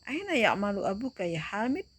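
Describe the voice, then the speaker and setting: A woman teacher voicing a schoolboy asking a classmate about his family, reading a textbook dialogue aloud in clear, lively intonation. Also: mid-range voice, fairly quick. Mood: inquisitive.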